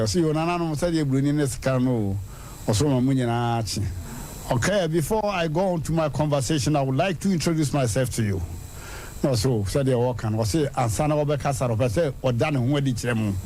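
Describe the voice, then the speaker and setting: A man hosting a radio show, telling a story in a lively way and leaping high in pitch for punchlines. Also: a little hiss or hum. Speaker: radio host. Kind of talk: animated radio storytelling and proverbs. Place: radio studio.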